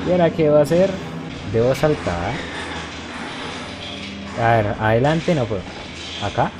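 A man's voice: medium pitch, lively intonation, unhurried. A man doing let's play commentary on a horror game, joking and talking back to the characters on screen. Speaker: gameplay commentator.

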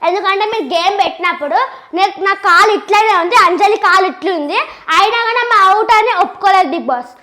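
A child arguing quickly and indignantly in a playful staged reality-show skit. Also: very high voice, pushed and bright, reverberant. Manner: quick and indignant, protests a lot. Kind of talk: playful argument.

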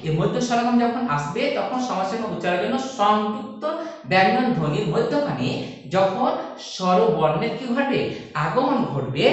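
A male teacher giving an online lesson at a board, explaining step by step and asking rhetorical questions. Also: high-pitched. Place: classroom with a board. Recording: echoey room, far from the mic.

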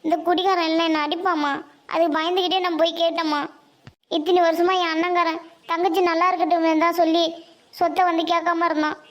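A woman voicing a timid, long-suffering village mother in a cartoon, soft and resigned. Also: very high voice, little pitch movement, fast talker. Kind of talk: Tamil cartoon voice acting.

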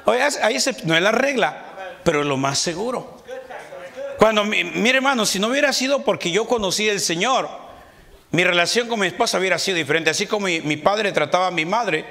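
A middle-aged pastor preaching in a church, his voice bright and ringing as he climbs into shouts and calls out amen after amen. He sits a little high for a man and keeps the congregation close with quick asides and playful mimicry. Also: lively intonation, creaky. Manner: preaching with rising shouts and repeated amens. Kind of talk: sermon. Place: church sanctuary.

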